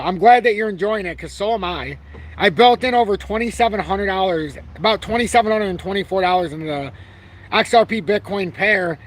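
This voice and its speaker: A man's voice: sits high, a bit bright. A man of forty, brash and rambling, who swears casually and keeps correcting himself as he hosts a casual live stream. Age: 40s. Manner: talks about himself through frequent self-corrections. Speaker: crypto channel host.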